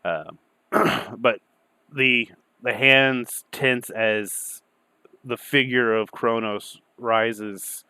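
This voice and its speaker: A man acting as game master, improvising narration for a tabletop game in an informal, halting way. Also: mid-range voice, pushed and bright, clean tone, no room sound.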